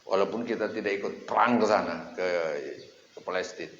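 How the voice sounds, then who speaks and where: A male preacher delivers an animated dawn sermon in a fairly low voice, putting questions to the congregation and answering them himself. The long, echoey hall of the mosque surrounds him, and the recording is dull and lo-fi with faint background noise. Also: a little fast.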